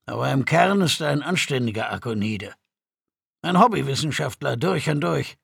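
A seasoned veteran soldier explains in a steady, measured voice, as a man reading the story puts him on. The tone is husky and gravelly, and the audiobook sound is dry. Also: medium pitch, dry recording, exaggerated voice. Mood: explaining. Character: calm, experienced male veteran soldier.

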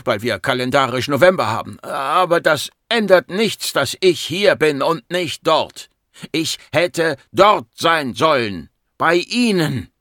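A man's voice: mid-range voice, sing-song, measured pace, fairly bright tone, no room sound, studio quality. A man voicing a grieving, irritable doctor in his forties, bitter and agitated, in an audiobook. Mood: anguished.

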